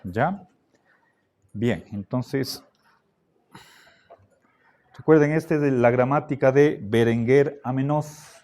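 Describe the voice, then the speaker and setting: Slow, patient man lecturing. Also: medium pitch, mellow. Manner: slow, patient, checks in with frequent "¿sí?" and "¿ya?". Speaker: philosophy teacher. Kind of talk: classroom lecture.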